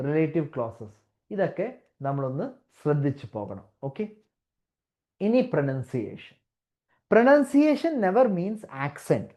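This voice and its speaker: A woman teaching English test criteria, mixing Malayalam with slow English and restarting her words as she explains. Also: medium pitch, mellow. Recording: dull lo-fi audio.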